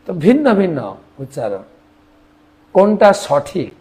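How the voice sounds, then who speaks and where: Slow-speaking man preaching a sermon. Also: high-pitched, wildly swooping pitch, a little mellow. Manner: chants the mantra in a singsong rhythm between spoken teaching; imitates other regions' pronunciations. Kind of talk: devotional sermon.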